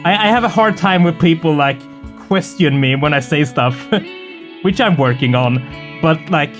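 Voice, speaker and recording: The host of a visual novel playthrough channel chats casually and reads the game's text aloud, speaking in an informal, candid, somewhat hesitant way. The voice is mid-range, animated, and a little slow, with faint music in the background.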